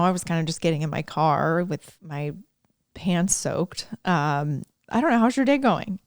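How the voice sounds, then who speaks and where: A woman's voice: sits low, clean tone, no room sound, clean studio sound. A woman, a podcast host telling a story in casual chat, laughing often and acting out quoted lines. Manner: chatty, laughing, fond of quoted asides.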